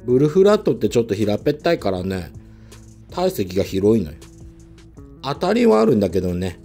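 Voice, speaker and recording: A man talking casually while fishing outdoors from a lakeside pier, speaking in a soft, feminine manner, picked up by a worn action camera. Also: on the low side, very animated, brisk, faint music behind. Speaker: fishing vlogger.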